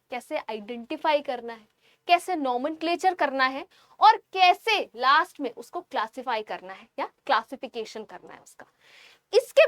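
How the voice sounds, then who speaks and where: Woman, biology teacher, high voice, dry close recording, repeats terms slowly, writes while explaining. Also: pushed and bright, no room sound. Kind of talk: online exam-prep lecture.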